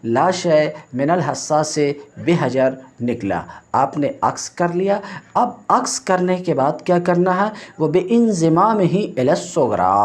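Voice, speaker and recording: A male religious teacher giving a classroom lecture on logic, explaining step by step, asking check-in questions and reciting textbook lines in Arabic. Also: fairly high pitch.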